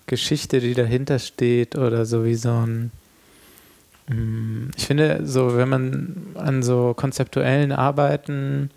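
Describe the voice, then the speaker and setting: Creaky-voiced man thinking aloud. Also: mid-range voice, little pitch movement, slow pace, a little mellow. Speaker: artist discussing a project. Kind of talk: reflective conversational discussion.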